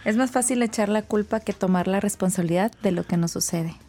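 A woman hosts a conversation about personal growth. She sums up her guest's ideas in a calm, reflective way. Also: medium pitch, brisk. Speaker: host. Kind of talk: talk show conversation.

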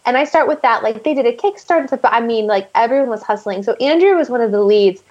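Chatty high-voiced woman telling stories. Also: expressive, quick pace, a little mellow, highs cut off. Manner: chatty storyteller, many "like" fillers. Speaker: guest actress. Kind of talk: casual interview chat.

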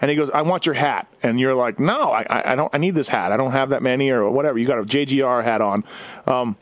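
A man's voice: medium pitch, quick pace, no room sound. A man co-hosting a casual chat, recounting events and laughing easily. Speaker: podcast co-host, race reporter.

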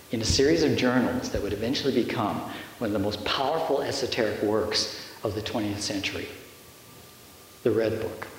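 A man giving a measured, explanatory lecture-style narration. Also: fairly low pitch. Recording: echoey hall with faint hiss.

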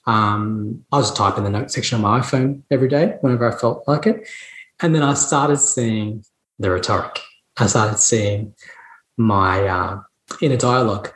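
A man's voice: medium pitch, a bit bright, echoey room, poor audio. A man in his thirties, a dentist telling his story as a podcast guest, earnest and reflective, with frequent restarts and laughs. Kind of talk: conversational storytelling.

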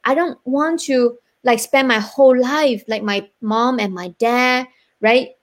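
A woman's voice: fairly high pitch, unhurried. A woman from China with a Chinese accent, speaking earnestly as a guest entrepreneur on a live online interview show, often checking in with "right?".

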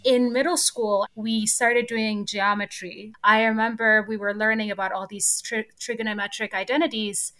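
A young woman from Ethiopia speaks as an interview guest, animated and quick to laugh. Her voice sits a little high for a woman and stays friendly and open. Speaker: guest, computer scientist. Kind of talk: casual interview talk.

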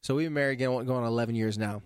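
A male therapist chatting casually, an animated storyteller who jumps between topics. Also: mid-range voice, rapid-fire, smooth, no echo, clean studio sound. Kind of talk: casual podcast chat.

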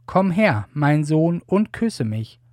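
A man voicing an aged blind patriarch giving blessings, in a solemn, measured reading. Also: a little high, big pitch swings, a little mellow, no room sound, studio quality.

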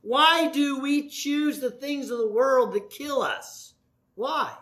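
A man preaching a sermon as pastor, folksy and animated, with asides and jokes to the congregation. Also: very high-pitched, slow pace.

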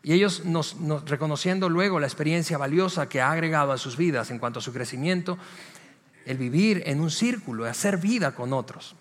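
In a hall with long reverb, a Venezuelan-accented pastor preaches a conversational sermon, his voice a little high and his pace fairly quick. He hammers points emphatically and returns to key phrases.

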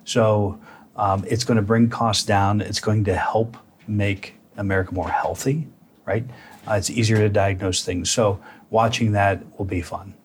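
A man's voice: on the low side, steady tone, measured pace, a little hiss or hum. A man speaking as a guest commentator, conversational and informal, with rhetorical tags.

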